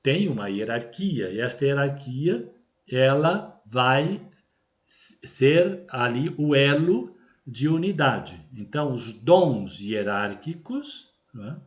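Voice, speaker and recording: A man's voice: mid-range voice, animated, takes it slowly. A man with a Brazilian Portuguese accent, a bishop giving an unscripted religious teaching, explaining carefully and often checking in with tag questions. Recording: dull lo-fi recording.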